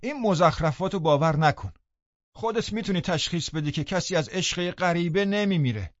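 An indignant older housekeeper woman, as a male reader puts her on, loud and protective. The recording is dry and dull. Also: high voice, expressive, no room sound, voice pushed up. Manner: shouting indignantly.

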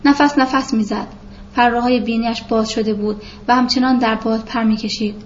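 A woman reads a literary novel aloud, calm and measured in her storytelling. Her voice sits somewhat high. The recording is dull and lo-fi, with a faint hiss behind her. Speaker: narrator. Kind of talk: literary audiobook narration.

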